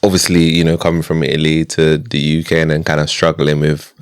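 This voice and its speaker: A male podcast host asks open questions in a relaxed, encouraging way, filling pauses with "mm" and checking in with "right?". His voice is very deep and recorded dry and close. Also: no echo. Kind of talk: casual interview.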